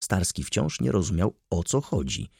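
A man reading a novel aloud as an audiobook narrator, with an expressive, lively delivery. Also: low voice, moderate pace, creaky, breathy edge, no echo, studio quality. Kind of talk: scripted narration.

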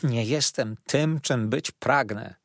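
A man's voice: mid-range voice, takes it slowly, vocal fry, dry recording, studio quality. A man voicing a whiny, self-pitying older widow who complains through tears in a plaintive, sobbing manner.

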